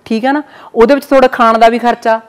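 A woman's voice: a little high, steady tone, fast talker, clear, resonant tone. A middle-aged woman from Punjab in India, a mother speaking in an interview and giving blunt, earnest warnings. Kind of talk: casual interview talk.

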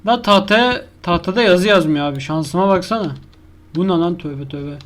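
His voice sits high with a fairly bright tone, and he speaks at a moderate pace. He is a YouTuber giving live horror gameplay commentary, crude and full of swearing, yelping at scares and arguing with the monster.

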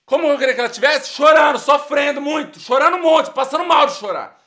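A man playing a jealous, shouting ex-boyfriend. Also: extremely high pitch, expressive, normal speed, voice pushed up. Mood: frantic jealousy. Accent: Brazilian. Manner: loud, frantic, shouting in jealous outrage. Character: heartbroken young man obsessed with his happy ex.

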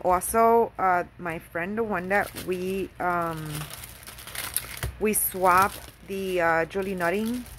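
A woman vlogger gushing over handmade craft gifts in a casual show-and-tell, excitable and full of fillers. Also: on the low side, slight background noise.

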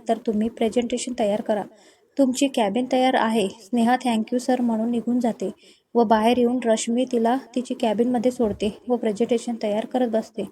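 Female storyteller, slightly high, mellow tone, reads all dialogue herself. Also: slight background noise. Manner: reads all parts in her own voice, dialogue barely changed. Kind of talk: storybook narration.

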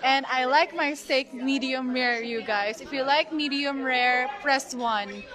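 A woman's voice: high-pitched, measured pace. A young woman filming a casual vlog in a restaurant, bubbly and talking straight to her viewers. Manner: bubbly, addresses viewers directly. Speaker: pageant contestant vlogging. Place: busy restaurant indoors. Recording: crowded restaurant chatter behind.

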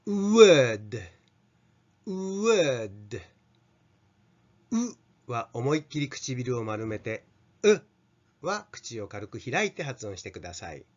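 A man's voice: medium pitch, sing-song, moderate pace, few pauses, a bit bright. An older Japanese man teaching an English pronunciation lesson, carefully modelling sounds for students to repeat. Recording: slightly dull lo-fi sound.

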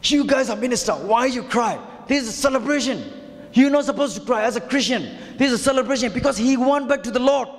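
A man's voice: very high-pitched, fast, voice pushed up. A man voicing a stern old woman church leader who scolds mourners in an insistent tone. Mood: indignant scolding. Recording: long church hall reverb.

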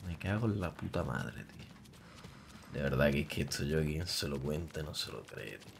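A man's voice: extremely low pitch, lively intonation, normal speed, gravelly, a little hiss or hum. A man from Spain streaming a game, joking crudely, swearing and chanting a vulgar singsong rhyme. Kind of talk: casual gameplay commentary.

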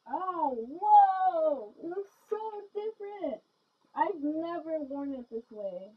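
A woman's voice: high-pitched, animated, slow pace, highs cut off. A woman chatting casually in a vlog while wearing a gas mask, rambling and giggly with many ums and restarts. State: talking through a gas mask. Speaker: vlogger.

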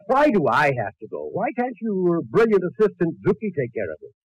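A man's voice: high voice, wildly swooping pitch, brisk, muffled recording. A man playing a grumbling, wisecracking older uncle in a 1940s radio comedy. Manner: dry, sarcastic quips.

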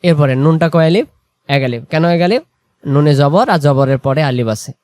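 A man's voice: on the high side, darkish tone, no room sound. Man teaching Quran reading, dry close sound. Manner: drawn-out chanting of example words, then quick plain explanation; asks and answers his own questions. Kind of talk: explanatory lesson.

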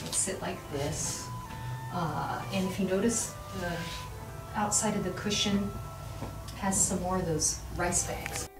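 Middle-aged docent woman, lowish voice, shows objects on a tour, heard from afar with music. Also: takes it slowly. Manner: explaining, pointing things out, "if you notice". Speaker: museum docent. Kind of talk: guided demonstration. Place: indoors in an old wooden farmhouse. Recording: distant mic with music behind.

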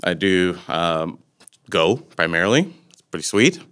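Deep, clear and resonant, with a slightly bright edge, this Latvian man's voice moves at a measured pace with lively intonation. In his forties, he gives an informal technical talk at a conference room podium mic, rambling loosely with frequent fillers.

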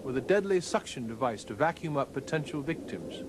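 A man narrating a scripted nature documentary in a measured, formal storytelling manner. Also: medium pitch, very animated, heavy background noise. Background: background music.

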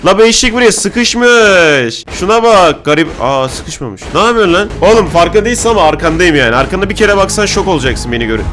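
A young man doing excited let's-play commentary on a horror game, loud and jokey, shouting at the game's characters. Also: on the high side, quick pace, hardly any pauses. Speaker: gaming YouTuber. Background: game music.

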